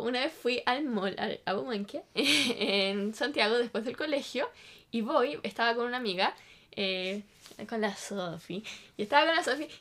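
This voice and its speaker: A young woman with a Chilean accent, chatting casually and telling an animated story, acting out quotes. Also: fairly high pitch. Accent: Chilean Spanish. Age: young adult. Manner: animated storytelling, repeats for emphasis, acts out quotes. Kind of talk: casual chat.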